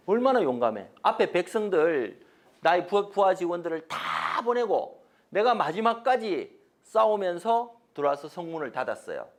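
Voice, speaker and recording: A middle-aged man giving a corporate training lecture, telling stories with loud and soft swings, asking the audience questions. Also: sits high, moderate pace. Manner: animated storytelling, swings from loud to soft, acts out quotes; mixes polite and blunt casual speech, asks the audience questions.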